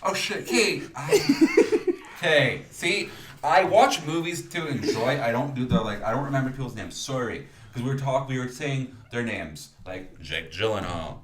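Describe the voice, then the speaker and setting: A man co-hosting a podcast in casual chat, excitable and swearing a lot, often acting out silly voices. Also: mid-range voice, unhurried, echoey room, a little hiss or hum. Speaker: podcast co-host.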